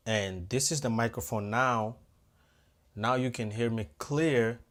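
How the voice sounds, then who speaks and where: An audio-visual technician with a mid-range, fairly bright voice speaks at an unhurried pace. He runs a hands-on audio tutorial, chatting casually with viewers he calls "guys" and thinking aloud while he adjusts the equipment.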